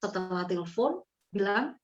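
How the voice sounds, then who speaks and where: An earnest guest from East Java recounts her personal testimony to the host, whom she addresses as "Pak." Her medium-pitched voice has lively intonation and a moderate pace, and the recording sounds slightly muffled.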